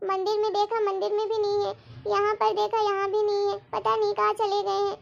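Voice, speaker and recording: Anxious young daughter-in-law , a woman acting: very high voice, emotional, pleading. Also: monotone, a little fast, vocal fry, lo-fi sound. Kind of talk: storytelling role-play.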